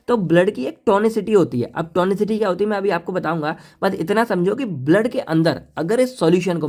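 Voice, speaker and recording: एक पुरुष pharmacy lecturer, जो बातचीत भरे अंदाज़ में छात्रों को सीधे संबोधित करते हुए पढ़ाते हैं और हिंदी में अंग्रेज़ी शब्द मिलाते हैं।. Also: male voice, high voice, a little mellow. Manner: chatty teacher mixing Hindi and English terms; addresses students directly and playfully. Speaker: pharmacy lecturer. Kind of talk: casual classroom lecture.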